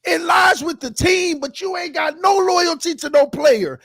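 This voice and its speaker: A man hosting a fan talk show, fired up and shouting as he rants. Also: extremely high pitch, a little slow, gravelly, dry recording, studio quality. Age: 30s. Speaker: fan channel host.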